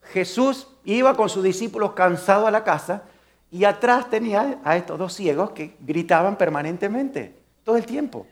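A man preaching a sermon, animated, asking the congregation questions and acting out the voices of Bible figures. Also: high voice, normal speed. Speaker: pastor.

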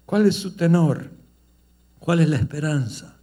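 A man's voice: on the high side, animated, a little slow, mellow. A man preaching, moving from storytelling into emphatic rhetorical questions. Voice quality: gravelly. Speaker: pastor. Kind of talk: sermon.

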